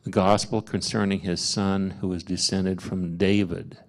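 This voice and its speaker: A man leading a parish Bible study, explaining scripture in a halting way with many fillers and restarts. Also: sits low, flat delivery. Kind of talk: informal Bible study teaching. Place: parish meeting room.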